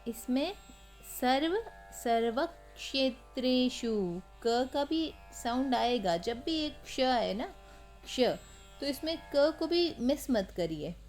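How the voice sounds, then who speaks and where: A woman leads a scripture chanting lesson, her voice a little high. She stretches every verse out at a very slow pace before she patiently breaks down its pronunciation. Faint music plays beneath her. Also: a little mellow. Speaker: Gita chanting teacher.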